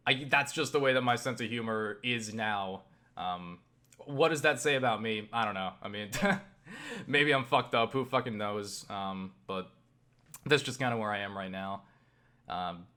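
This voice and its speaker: A YouTube vlogger rambles off the cuff in an average-pitched voice with a bright, forceful edge. He's halting, often breaking off mid-thought and circling back with repeated "you know," cursing casually along the way.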